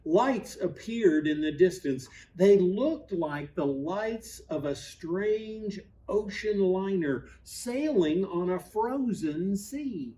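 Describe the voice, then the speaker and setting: Slow-paced man reading a children's storybook. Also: high voice, lively intonation, warm tone. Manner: measured, deliberate phrasing with dramatic pauses and emphasis. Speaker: pastor reading a Christmas story aloud. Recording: voice at a distance from mic.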